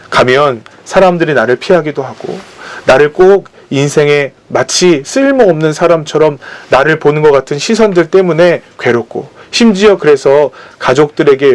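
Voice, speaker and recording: A man preaching a sermon at a church service, telling personal stories and acting out the voices of the people in them. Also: fairly high pitch. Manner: storytelling, acting out quoted voices. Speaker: pastor.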